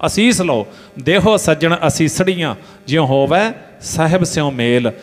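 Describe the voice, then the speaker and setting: A man preaching a religious sermon, telling a story and breaking into slow chanted verses. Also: fairly high pitch, animated. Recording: reverberant hall with faint music.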